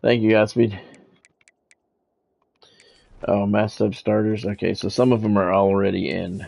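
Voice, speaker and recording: A gaming streamer calls a video game football match, blending announcer-style play-by-play with wry, grumbling, occasionally profane asides. His voice is lowish, creaky and a little mellow, with little pitch movement and a slightly slow pace.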